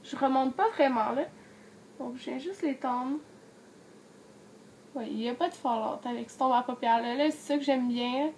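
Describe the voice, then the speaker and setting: This young Quebec-accented beauty vlogger has a cold as she chats casually through a makeup tutorial, addressing viewers directly with many fillers. Her high-pitched voice has a darkish tone and a moderate pace with frequent pauses, and there is slight hiss or hum in the audio.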